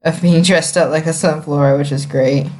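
A woman's voice: low voice, fairly even intonation, moderate pace, darkish tone. Giggly woman cohost chatting about cartoons, playful, laughs a lot. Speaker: podcast co-host. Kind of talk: casual chat recapping cartoon episodes.

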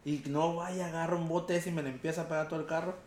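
A young man with a Mexican Spanish accent, telling an animated, slang-heavy story in casual chat and acting out the quotes. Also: fairly high pitch, quick pace, echoey room.

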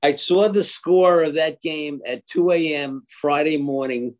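A man's voice: on the high side, a little slow, a little mellow. A man chatting casually, telling a story in a dry, wry way. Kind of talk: casual chat.

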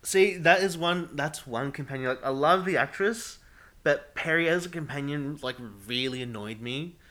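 A man's voice: fairly high pitch, moderate pace, a bit bright. A man with an Australian accent hosting a casual podcast chat, rambling and filling his talk with "like". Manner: rambling, heavy use of "like". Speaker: podcast host.

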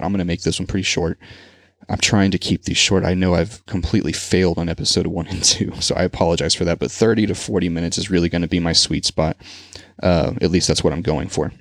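A man's voice: sits low, dry recording, clean studio sound. A man hosting a solo podcast, talking in an earnest, rambling, conversational way. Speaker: podcast host. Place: Texas.

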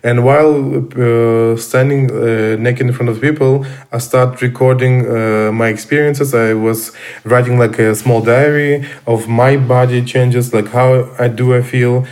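A man, a guest speaking casually in English, pausing often with fillers and restarts. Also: medium pitch, steady tone, a little mellow. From Armenian, raised in Russia. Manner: halting, many fillers and restarts. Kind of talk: casual conversation.

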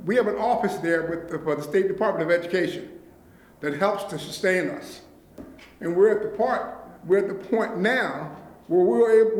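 A man leading a nonprofit, speaking earnestly and gratefully at a public meeting, often checking in with his listeners. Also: high voice. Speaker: nonprofit leader addressing county officials. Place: meeting room. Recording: echoey meeting room.

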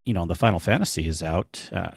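A man hosting a casual gaming podcast, easygoing and quick to laugh. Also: low voice, creaky, slightly rough, no room sound, clean studio sound. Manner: easygoing, laughs often, many fillers. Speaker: podcast host.

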